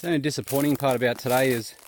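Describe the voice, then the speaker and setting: The recording is rough, with slight background noise, as an Australian vlogger from New South Wales fires off rapid, steady chat to viewers in the bush. He explores abandoned mines as a hobby. His medium-pitched delivery is casual, slangy, relaxed and self-mocking.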